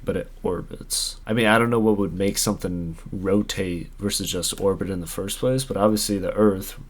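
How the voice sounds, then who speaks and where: A man's voice: low-pitched, moderate pace. A young man reacting to a video in a casual, rambling way, full of slang and fillers, tired late at night.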